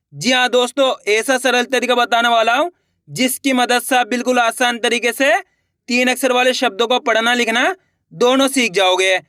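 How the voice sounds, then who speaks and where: A man's voice: extremely high pitch, bright, forceful tone, no echo, clean studio sound. A young man teaching children to read, patiently sounding out syllables one by one in an online lesson. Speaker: Hindi reading teacher.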